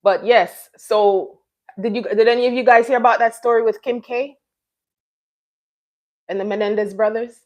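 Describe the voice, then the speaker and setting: A woman's voice: fairly high pitch, fairly even intonation, moderate pace, long pauses. A middle-aged woman from Jamaica hosting a casual live chat, rambling and restarting her sentences as she talks to viewers. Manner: chatty, rambling, many restarts and fillers. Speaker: live stream host.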